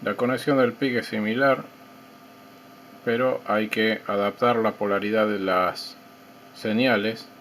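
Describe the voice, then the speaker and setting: This is technical demo narration: a man with a voice that sits a little low describes his electronics project in an even, explanatory way, with pauses between ideas and a faint hiss behind him.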